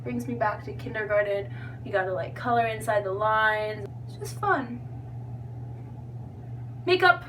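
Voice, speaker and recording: A woman's voice: medium pitch, unhurried, long pauses, a bit bright. A young woman giving a casual, chatty tutorial in a loose, tipsy, giggly and self-deprecating manner. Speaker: makeup tutorial vlogger. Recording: distant mic with background noise and hum.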